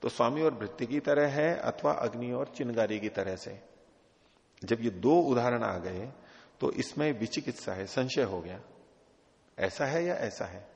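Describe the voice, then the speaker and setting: Gravelly male teacher in a reverberant hall. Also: medium pitch. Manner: reads out Sanskrit slowly, then explains in plain Hindi with questions to the class. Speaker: Vedanta teacher. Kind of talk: scriptural lecture. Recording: dull audio with long hall reverb.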